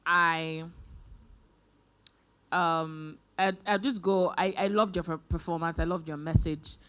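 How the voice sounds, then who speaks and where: Lower-voiced woman judge, earnest, trips on her words a bit. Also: steady tone, slow, a bit bright, smooth. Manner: earnest, stumbles on starts. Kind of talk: live talent show feedback.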